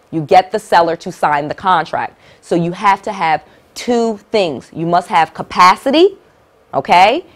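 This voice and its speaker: A middle-aged woman teaching real estate investing to camera, emphatic and direct, repeating key points and checking in with "all right?". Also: mid-range voice.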